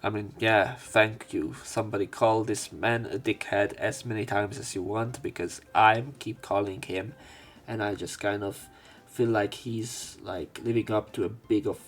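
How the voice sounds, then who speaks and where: Game music sits behind this let's player as he narrates a visual novel and tosses in casual, crude remarks. His voice is on the low side, his pace measured, and his intonation fairly even.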